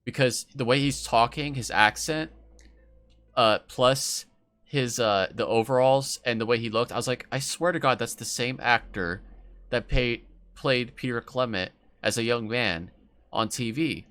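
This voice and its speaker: A man giving casual, rambling gameplay commentary, excitable and swearing freely. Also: medium pitch, measured pace, clear, resonant tone. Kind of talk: casual let's-play commentary.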